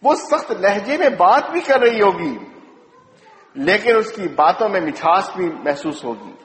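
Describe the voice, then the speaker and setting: A man preaches a sermon with emotion, telling stories and slowing his words for emphasis. His voice sits high for a man. It rings through an echoey hall with a long reverb tail. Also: very animated, fairly bright tone. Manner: storytelling, emotive, slows for emphasis.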